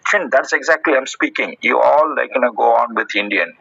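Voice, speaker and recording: A man hosting a casual group discussion in an audio chat room, earnest and halting, with many restarts. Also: mid-range voice, gravelly, sharp tone, slightly rough, no echo. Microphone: phone in an audio chat app. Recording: muffled dry audio-room recording.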